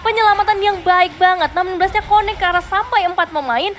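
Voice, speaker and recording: A woman's voice: extremely high pitch, quick pace, a bit bright, a little hiss or hum. A woman working as an esports caster, giving live commentary on a game.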